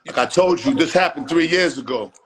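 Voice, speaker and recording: A man's voice: on the high side, fairly quick. A man being interviewed in a casual live video call, speaking emphatically and profanely, often repeating and restarting phrases. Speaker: interview guest.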